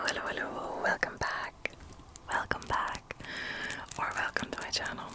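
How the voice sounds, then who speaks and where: Whispering chatty woman. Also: poor audio. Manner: chatty, rambling. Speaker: ASMR creator. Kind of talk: whispered ASMR mukbang.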